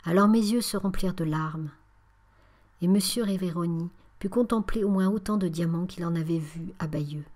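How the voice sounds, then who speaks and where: A woman narrating a spiritual memoir as an audiobook, in a calm, measured and often breathy reading. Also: fairly low pitch.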